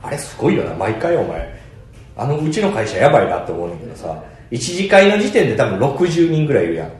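A young man with a Kansai Japanese accent, chatting casually on a podcast with lively, joking banter and frequent laughs. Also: medium pitch, quick pace. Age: young adult. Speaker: podcast co-host, comedian. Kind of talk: casual chat. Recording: very echoey room.

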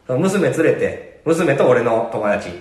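A man's voice: medium pitch, a little slow, roomy sound. A man with a Kansai accent telling stories as co-host of a casual chat podcast, laughing often. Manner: storytelling, animated, laughs often.

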